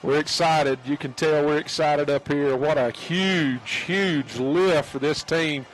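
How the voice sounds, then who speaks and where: A man with a Southern US accent calling high school football on the radio in a folksy, excitable way. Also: slow pace, rough recording. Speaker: radio play-by-play announcer. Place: press box at a football stadium.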